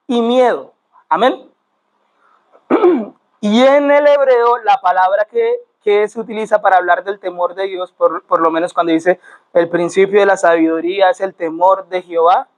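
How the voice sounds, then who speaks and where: A man's voice: high-pitched, rough recording. A male pastor, preaching to a church and explaining words step by step with repeated phrases and questions to the congregation. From Colombia. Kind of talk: sermon teaching. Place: church sanctuary.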